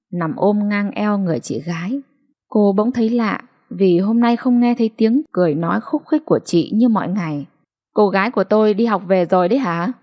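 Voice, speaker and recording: A woman narrating a late-night audiobook in a smooth, even storytelling voice. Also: medium pitch.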